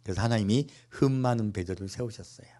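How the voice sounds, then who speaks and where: A male pastor with a lowish, dark voice preaches fast to his church. He asks the congregation rhetorical questions and throws in playful, humorous asides.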